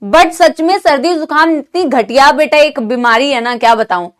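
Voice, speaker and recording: A young woman teaching a live online class with a sore throat from a cold, talking gently and affectionately to her students while mixing Hindi and English. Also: high voice, normal speed. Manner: motherly, calls students "beta", mixes Hindi and English. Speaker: online NEET biology teacher.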